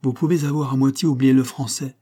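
Stern old-fashioned tutor, read by a man, formal and measured, with a mellow, husky voice. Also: mid-range voice, steady tone, natural voice. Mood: dry. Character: stern former tutor, grave, reserved man.

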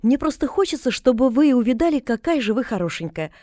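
A cheerful, chatty young girl, put on by a woman reading a storybook, gushing with bright excitement. Her voice is pitched high over a mellow, warm timbre. The sound is dry and close. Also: fast, no room sound. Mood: eager. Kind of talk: audiobook character reading.

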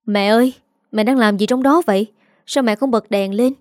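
A woman's voice: on the high side, moderate pace, darkish tone, no room sound, clean studio sound, lightly acted. A woman reading the part of a worried middle-aged son who talks in an earnest, pleading way. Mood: anxious.

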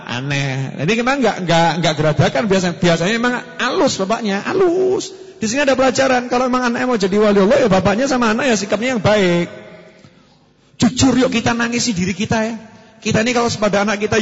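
A male preacher delivering a lively sermon, soft one moment and emphatic the next. His voice sits a little high for a man. The recording is echoey and dull, as if captured in a long-reverb hall on lo-fi gear. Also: a little fast. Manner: lively, acts out quotes, shifts between soft and emphatic.

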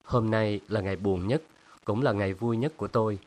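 A man's voice: on the low side, a little fast, a little mellow, close to an everyday voice. A man reading the lines of a moody, sardonic young painter in a storybook, speaking tersely.

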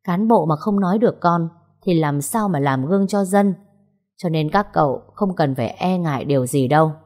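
A scheming older male police chief in an audio story, laying down orders with quiet satisfaction. His voice sits low and husky. A woman narrator plays him. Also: normal speed, natural voice. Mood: smug command. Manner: commanding, self-satisfied.

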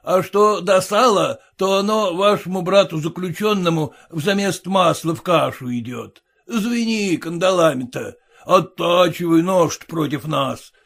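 A man's voice: high-pitched, a little slow, vocal fry, hardly any pauses, a bit bright, full character voice. A man voicing jeering old-time merchants. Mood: mocking. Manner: teasing, mocking banter. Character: jeering bearded merchants, mocking card players.

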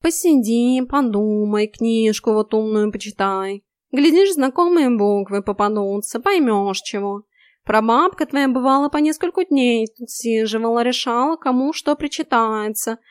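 A woman's voice: a little high, unhurried, smooth, no echo, clean studio sound, lightly acted. A woman voicing an arrogant, condescending old male house cat who talks down to everyone. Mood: grumbling. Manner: sneering, condescending, snappy.

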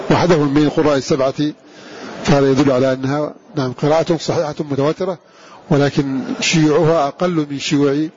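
A man giving a measured lecture on Quran readings, repeating verse lines slowly before explaining them. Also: a little high, a little mellow. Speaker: Quran recitation teacher. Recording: dull lo-fi recording with clear hiss.

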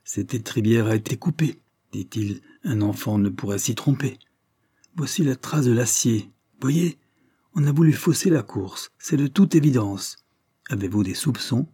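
A man voicing an aristocratic horse owner who speaks in a firm, forceful way, in an audiobook. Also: mid-range voice, expressive, measured pace, breathy edge, no echo, studio quality. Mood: indignant.

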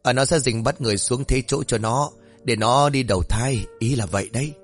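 A man voicing a hearty, middle-aged village boatman who talks in a loud, jovial, folksy way. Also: mid-range voice, fairly quick, soft background music, lightly acted.

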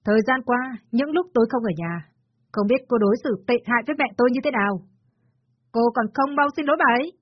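A woman voicing an angry young husband who shouts threats, on a dull, dry recording. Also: fairly high pitch, animated, quick pace, no echo, pitched above the performer's own voice.

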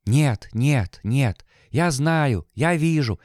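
A man reading an audiobook, voicing a gentle, fatalistic young village woman in an earnest, pleading manner. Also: fairly high pitch, very animated, a little slow, no echo, studio quality. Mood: insistent.

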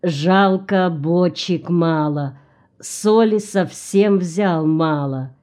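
A woman voicing a calm, weathered Chukchi man who speaks slowly in short, simple phrases. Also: fairly low pitch. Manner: slow, broken, simple phrasing.

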